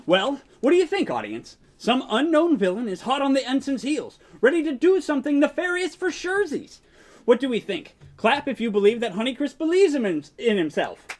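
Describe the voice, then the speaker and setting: A woman narrates a comedy show as its host. Her voice is high and moves around a lot. She addresses the audience with playful mock drama. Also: sing-song, fairly quick, darkish tone.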